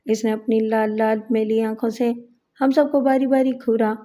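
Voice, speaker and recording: A woman narrating a crime thriller novel as an audiobook, in measured, literary storytelling. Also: fairly high pitch, fairly even intonation, warm tone.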